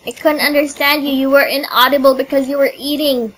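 A woman's voice: high voice, flat delivery, a bit bright, rough recording. A young woman casually chatting while playing a video game, teaching and teasing her mother in a bossy way. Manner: bossy, teasing, quick to scold. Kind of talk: casual gameplay chat. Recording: faint background noise.

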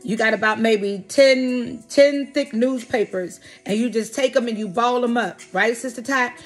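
A woman preaching a lively sermon to her online congregation, repeating phrases, calling out to viewers by name and crying hallelujah. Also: on the high side, normal speed, faint music behind. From Philadelphia. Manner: repetitive, exclamatory, frequent hallelujahs and laughs.

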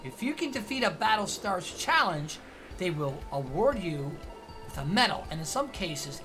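A woman reading aloud as a calm fatherly mentor in a video game, explaining the next task. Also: mid-range voice, voice pushed down.

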